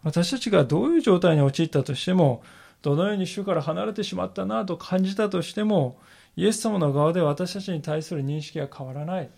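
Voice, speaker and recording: A male pastor giving a sermon in an earnest, reflective way, slowing down to stress key phrases. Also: sits high, gravelly, darkish tone. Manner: earnest, reflective preaching with emphatic slowed phrases.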